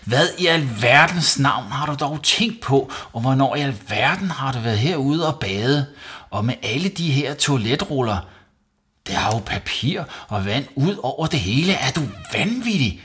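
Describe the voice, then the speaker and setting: A man reading a storybook and voicing an angry mother who shouts and scolds her son. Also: lowish voice, animated, husky, pitched above the performer's own voice.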